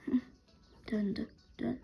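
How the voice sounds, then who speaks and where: A woman's voice: takes it slowly, highs cut off. A young woman hosting a game video, giving casual play-by-play commentary, chatting to her viewers with forgetful asides. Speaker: gaming video host.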